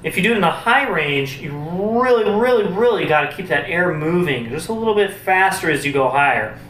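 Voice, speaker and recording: A brass teacher runs through warmup exercises on camera, his voice somewhat high and a touch bright. He talks casually, explaining things and thinking out loud as he teaches. The mic sits far off in a roomy space, picking up faint noise.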